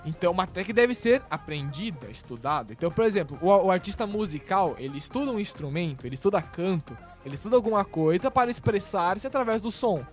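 A man's voice: high-pitched, animated, fast talker, few pauses, soft background music. A man, a podcast co-host in casual chat among friends, opinionated and often stammering and restarting.

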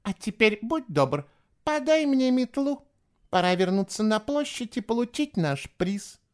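A man's voice: high voice, sing-song, measured pace, darkish tone, clear, resonant tone, pitched above the performer's own voice. A man reading an audiobook, voicing a bossy, scornful girl who talks sharply and mockingly.

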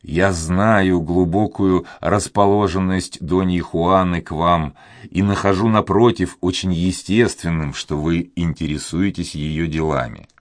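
A man voicing a courteous, impatient young gentleman in love, speaking in his own deep voice. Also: steady tone, measured pace, no echo, clean studio sound. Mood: urgent courteous. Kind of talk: audiobook character reading.

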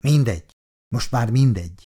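A man's voice: mid-range voice, expressive, warm tone, breathy edge. A male narrator voicing a suspicious, grumbling male colonist who mutters his lines. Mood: muttering.

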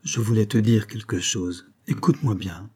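A man's voice: lowish voice, normal speed, darkish tone, breathy edge. A man reading an audiobook voices a dying old female servant who solemnly reproaches the young woman she raised. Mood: stern.

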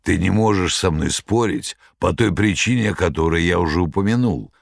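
Man doing a deep gravelly devil, curt, mocking, dry close sound. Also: moderate pace, no room sound. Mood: sardonic. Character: sardonic commanding devil, male, ancient, cold. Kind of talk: audiobook character voice.

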